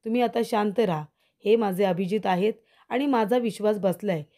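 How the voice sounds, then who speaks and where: A woman's voice: medium pitch, moderate pace, mellow, lightly acted. A woman voicing a devoted young wife. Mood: coaxing. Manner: coaxing, tender toward her husband.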